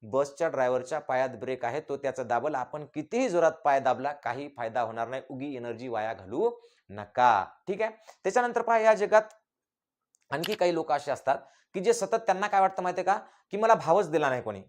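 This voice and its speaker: A man's voice: fairly high pitch, lively intonation, a little fast. A man from rural Maharashtra giving a motivational talk, emphatic and full of repeated rhetorical questions he answers himself. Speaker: motivational speaker.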